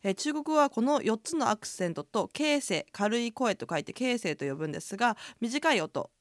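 A woman co-hosting a radio language lesson, chatty and lively, acting out sounds as she explains. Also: moderate pace, no echo, clean studio sound. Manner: lively, chatty, demonstrates sounds with big pitch swings.

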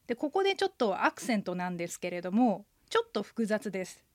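A woman co-hosting a radio language lesson, explaining pronunciation clearly. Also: mid-range voice, sing-song, fast, no room sound, clean studio sound.

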